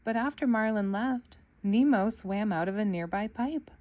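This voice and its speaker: Reading a children's book aloud, a woman storyteller narrates expressively for kids. Her pitch is medium and her speed normal.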